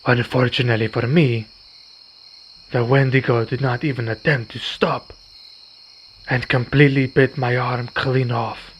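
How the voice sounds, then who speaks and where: In an ASMR roleplay, a man voices a weary, courteous vampire who is wounded yet calm, speaking in formal, measured phrases. His natural, medium-pitched voice barely moves in pitch as he solemnly recounts events, and the dull recording carries the sound of crickets and other night insects.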